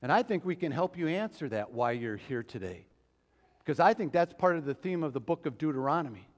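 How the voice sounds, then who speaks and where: Here a pastor with a somewhat high, animated voice preaches fairly quickly, addressing the congregation casually and dropping in lots of asides. The sound is a church sanctuary with a hall's long reverb.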